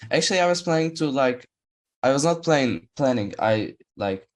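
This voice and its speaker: A man speaks on a video call. His questions to his coach come eager and quick. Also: mid-range voice, expressive. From Turkey. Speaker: coaching client.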